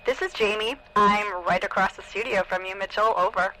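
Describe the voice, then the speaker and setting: A woman answers over a walkie-talkie radio, keeping to playful, clipped radio lingo. Her voice comes through bright and sharp, with a faint hiss behind it. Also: mid-range voice, fairly even intonation, moderate pace, low-quality recording. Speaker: podcast correspondent.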